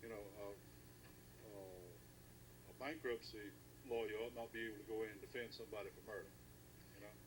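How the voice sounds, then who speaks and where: An American man with a lowish voice discusses politics informally. His delivery is halting and emphatic, with phrases repeated for weight. Noticeable ambient noise sits behind him. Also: fairly even intonation.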